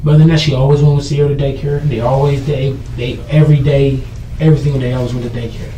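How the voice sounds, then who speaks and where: A man's voice: mid-range voice, little pitch movement, fast talker, dark tone. A jittery man being questioned by police as a suspect, answering defensively and often repeating and restarting his phrases. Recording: echoey room, distant mic, faint noise.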